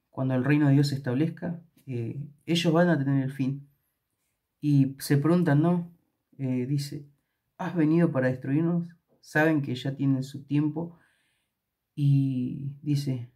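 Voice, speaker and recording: A man's voice: medium pitch, dark tone. A man with an Argentine accent reading scripture aloud and commenting at a Bible study, hesitant with many fillers and restarts. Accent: Argentine Spanish.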